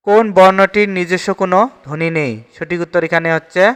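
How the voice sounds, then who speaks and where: A man's voice: sits high, steady tone, fast, a bit bright, smooth, long reverb tail. A man with a Bangladeshi Bengali accent teaching an exam-prep grammar lesson, steadily reading each question and repeating the answer.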